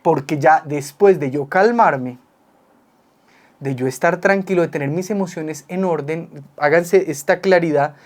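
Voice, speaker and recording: A man's voice: a little high, measured pace. A man, a psychologist co-hosting with his wife, giving casual advice and acting out quotes as he explains. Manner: explains with vivid everyday examples and acted-out quotes. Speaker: psychologist and co-host. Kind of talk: casual advice talk with spouse.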